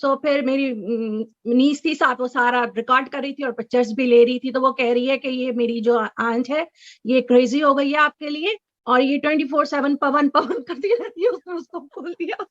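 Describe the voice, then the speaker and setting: A middle-aged woman telling an excited story as an interview guest on a video call, sometimes breaking into high squeals. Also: moderate pace, dry recording. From Chicago resident. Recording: dull, dry video call audio.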